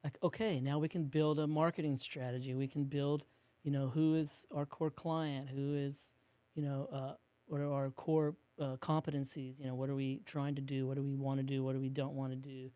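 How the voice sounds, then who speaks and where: A man, a business co-owner, telling a rambling story in an interview and acting out quotes in a hushed voice. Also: medium pitch, flat delivery, normal speed, dry recording. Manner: rambling, with many restarts and fillers.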